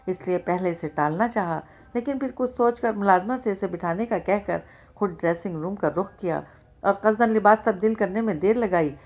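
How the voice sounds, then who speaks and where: A woman narrating a novel as an audiobook reader, in an even storytelling manner. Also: medium pitch. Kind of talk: novel reading.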